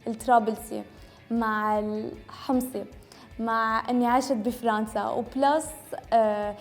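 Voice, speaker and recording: Faint music sits behind a young woman with a slightly high voice who speaks unhurriedly in a steady tone. A Lebanese beauty vlogger and native French speaker, she has a Tripoli accent touched by Syrian Homs speech. Her talk to camera is chatty and self-correcting, with English words dropped into the Arabic.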